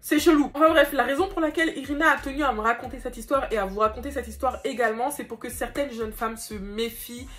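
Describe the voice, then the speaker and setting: A young woman vlogger telling a storytime to her viewers, animated and speaking directly to the audience. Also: on the high side, fast talker, hardly any pauses. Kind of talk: storytime vlog.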